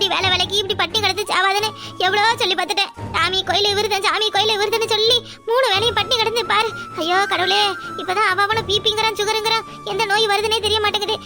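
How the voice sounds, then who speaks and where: A woman doing a shrill wailing village mother-in-law. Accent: Tirunelveli Tamil. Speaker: voice actor for a family cartoon. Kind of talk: Tamil village family drama cartoon voicing.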